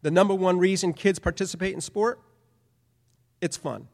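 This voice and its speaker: A man's voice: high-pitched, fairly even intonation, normal speed, a little mellow. A middle-aged man giving a conference presentation as a professor, speaking emphatically with repeated phrases. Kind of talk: lecture presentation. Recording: long hall reverb.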